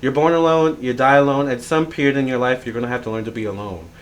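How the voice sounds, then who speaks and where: A man's voice: medium pitch, steady tone, quick pace. A man of thirty, a tarot reader, talking through a casual, reflective vlog monologue and rambling with plenty of fillers and restarts.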